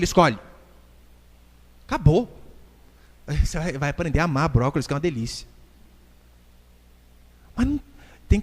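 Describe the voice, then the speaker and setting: A man's voice: sits high, fairly bright tone. A man with a Brazilian Portuguese accent preaching a sermon as pastor, emphatic and acting out little dialogues. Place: church hall. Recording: reverberant church hall.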